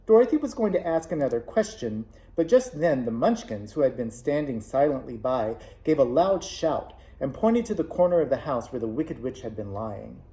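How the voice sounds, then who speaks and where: A man reading a classic children's novel aloud, with clear, expressive storytelling. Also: medium pitch, normal speed, hardly any pauses. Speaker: club vice president reading aloud. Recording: echoey room.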